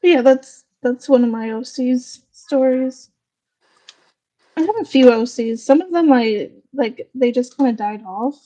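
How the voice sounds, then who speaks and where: A woman chatting casually beside a streamer, rambling and teasing in a relaxed way. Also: sits high, a little slow. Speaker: family member on stream. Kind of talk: casual chat.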